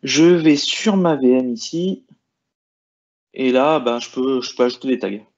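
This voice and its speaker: A man's voice: mid-range voice, unhurried, a little mellow, dull audio. A man explaining cloud settings in a screen-share walkthrough, hesitating often with fillers and restarts. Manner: hesitant, many "euh" and restarts while clicking through settings. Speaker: IT presenter.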